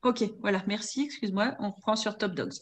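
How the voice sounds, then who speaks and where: A woman's voice: medium pitch, brisk. A woman moderating an online webinar, relaying audience questions and handing over to her co-presenters on a video call.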